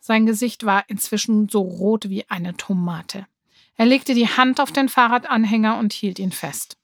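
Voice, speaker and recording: A woman narrating a children's storybook in a lively, expressive way. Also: mid-range voice, moderate pace, no echo, clean studio sound. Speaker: audiobook narrator.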